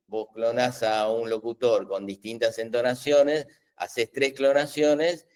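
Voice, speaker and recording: A middle-aged man, hosting a live webinar Q&A and explaining patiently with many fillers and restarts. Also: on the low side. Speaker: webinar host explaining AI tools.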